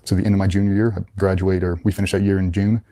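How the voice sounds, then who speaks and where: A man with a low, mellow voice rattles through his story at a quick clip. He sounds blunt and matter-of-fact, a former Navy SEAL recounting his past as an interview guest. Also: little pitch movement. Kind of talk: casual storytelling.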